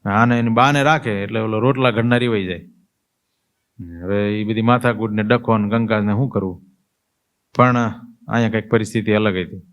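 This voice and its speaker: A man's voice: on the low side, steady tone, moderate pace, pauses often. A man, a monk, preaching a sermon through a story, in a conversational way that keeps checking in with the listeners. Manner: conversational, asks listeners "you see?" and "tell me".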